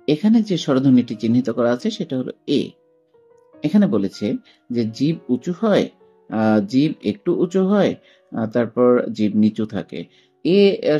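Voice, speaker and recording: A man's voice: mid-range voice, warm tone, husky. A man teaching a class, working through a textbook exercise step by step, with many fillers, asking questions and answering them himself. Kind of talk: textbook lesson walkthrough. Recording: dull lo-fi sound with faint guitar music.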